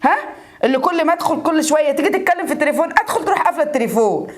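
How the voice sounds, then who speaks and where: Woman acting as a meddling Egyptian mother-in-law, nagging, fast talking, slightly high voice. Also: expressive. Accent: Egyptian Arabic. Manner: nagging, needling, scolding. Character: meddling older mother-in-law, suspicious and scheming.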